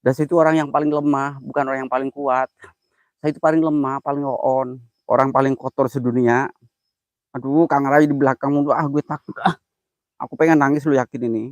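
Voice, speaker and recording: A jittery man chats on a live stream, dropping into hushed prayers between louder asides. His voice sits at an ordinary middle pitch. The sound is dry and close, with no room echo. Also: steady tone, a little fast, highs cut off. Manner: jittery, mutters prayers under his breath between loud chatter. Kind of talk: casual live-stream chat.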